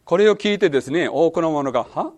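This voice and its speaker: A man's voice: fairly high pitch, animated, fast, darkish tone. A man teaching a Bible lesson as pastor, quizzing his listeners and repeating key words. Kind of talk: sermon-style Bible lesson.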